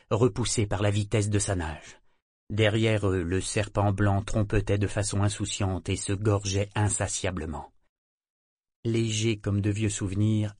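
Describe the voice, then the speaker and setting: A man reading an audiobook in an even, measured storytelling manner. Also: lowish voice, no room sound, studio quality. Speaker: audiobook narrator. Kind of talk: scripted narration.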